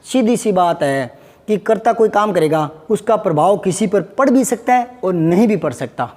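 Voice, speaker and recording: High-voiced male teacher in a reverberant space. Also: expressive, moderate pace, darkish tone. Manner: patient, repeats examples and asks the class questions. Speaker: Hindi grammar teacher. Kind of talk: classroom lesson.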